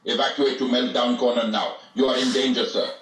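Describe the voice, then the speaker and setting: Synthetic male voice, Indian accent, sing-song, bright tone, echoey room. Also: medium pitch, fairly even intonation, fairly quick. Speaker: text-to-speech voice reading chat messages. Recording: echoey room, faint noise.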